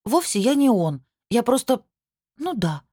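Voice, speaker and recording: A woman's voice: fairly high pitch, big pitch swings, measured pace, warm tone, dry recording, studio quality, pitched above the performer's own voice. A woman voicing a feisty young woman turned into a small furry animal, answering in a snappy, defensive way.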